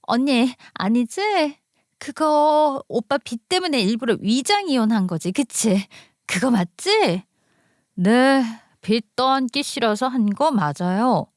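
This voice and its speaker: A woman's voice: fairly high pitch, animated, slow, no echo, clean studio sound, pitched above the performer's own voice. A woman voicing a desperate young sister-in-law who pleads and clings in a radio story. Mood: pleading.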